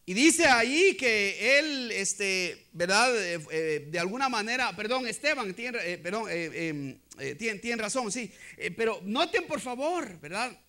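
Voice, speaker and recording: A male pastor delivers a sermon in a strikingly high voice. His tone is bright and forceful. He keeps checking in with the congregation and often stops to restart his sentences. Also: sing-song, measured pace, few pauses.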